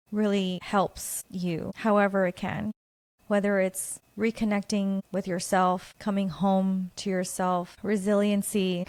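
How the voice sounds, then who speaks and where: A woman from Guatemala speaks alone into a close podcast mic, earnest and reflective as she opens up about her own life. Her voice sits at an ordinary middle pitch. The sound is dry, with no room echo. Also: darkish tone. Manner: earnest, reflective, openly personal. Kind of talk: personal solo monologue.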